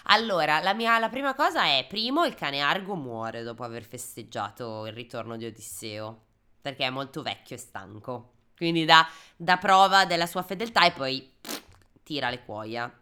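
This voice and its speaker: Lively, low-voiced young woman with sarcastic quips. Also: normal speed, clean tone. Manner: sarcastic quips, swears, laughs. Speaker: podcast co-host. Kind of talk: casual chat.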